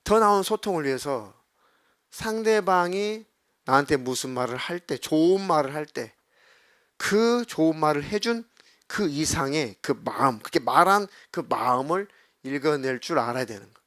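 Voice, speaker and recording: Male pastor, middle-aged, informal sermon voice with acted-out prayers, slightly high, dry close sound. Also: expressive, normal speed, fairly bright tone, no echo. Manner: conversational preaching, acting out prayers and quoted speech.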